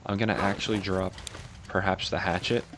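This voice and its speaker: Low, unhurried man with a morning voice. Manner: low, unhurried, musing to himself. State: morning voice, recently woken. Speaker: gaming channel host. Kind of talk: calm video game playthrough commentary. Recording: clear steady background ambience noise.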